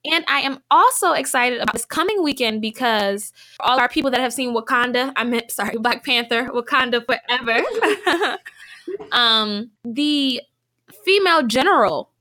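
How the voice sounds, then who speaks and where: A young woman co-hosting a podcast in casual chat, animated and slangy, laughing often. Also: on the high side, moderate pace. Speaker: podcast co-host. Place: home, Minneapolis.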